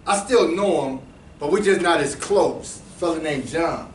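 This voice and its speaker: In a room with a few seated listeners, a man gives a conversational, slang-filled explanation of cryptocurrency, repeatedly restarting and making asides to them. His voice sits on the high side at a normal pace, captured distantly with echo and a faint hum.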